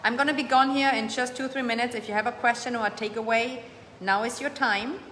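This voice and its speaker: Female live-stream coach, slightly high, encouraging and emphatic; echoey room with faint background hum. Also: fairly even intonation, brisk. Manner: warm, emphatic, repeats phrases for emphasis; reads viewer comments aloud and answers them. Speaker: host of a live coaching show. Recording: echoey room with long reverb, faint ambience.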